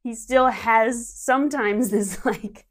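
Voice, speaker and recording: A woman's voice: a little high, slow pace. A woman guest on a podcast, speaking in a reflective, frank and easygoing way about her relationship. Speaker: podcast guest, bookstore co-owner. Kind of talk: casual conversational interview.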